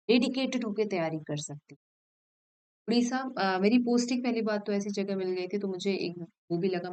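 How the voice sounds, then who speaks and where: A woman in her thirties with a lowish, smooth and resonant voice speaks to camera in an advice vlog. She sounds earnest and direct as she addresses her viewers, now and then stopping to correct or restart a phrase. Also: darkish tone, rough recording. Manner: thinks aloud with frequent hesitations and self-corrections. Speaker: assistant professor giving career advice.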